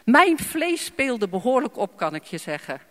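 A woman's voice: on the high side, big pitch swings, a little slow. A woman preaching a sermon and telling her own testimony, emphatic, repeating phrases and asking the audience to respond. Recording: long hall reverb.

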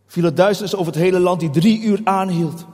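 A man's voice: high voice, fast talker, a little mellow, husky. A man preaching a sermon, passionate, who voices prayers in a raised, pleading tone. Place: hall. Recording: long hall reverb.

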